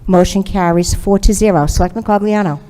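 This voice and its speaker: A woman chairing a town board meeting, running hearings and votes in a brisk, formal manner. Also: medium pitch, mellow. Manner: brisk, formal, reads notices aloud. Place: town hall auditorium. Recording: long reverb in a large hall.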